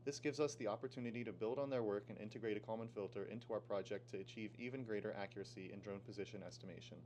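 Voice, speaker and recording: A teenage boy from Pennsylvania reading a scripted project presentation in a steady, explaining way. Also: fairly low pitch, rapid-fire, a little hiss or hum. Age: teens. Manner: steady, read-aloud explaining. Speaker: student presenter.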